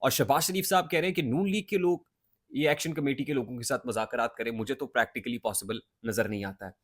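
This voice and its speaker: Male political news vlogger at mid pitch, emphatic, with hesitant filler pauses. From Pakistan.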